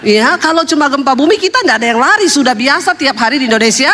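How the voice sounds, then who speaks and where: A woman's voice: high-pitched, expressive, quick pace, fairly bright tone, slight background noise. A woman pastor telling stories in a sermon, chatty and humorous, laughing at her own jokes. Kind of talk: storytelling sermon. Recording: long hall reverb.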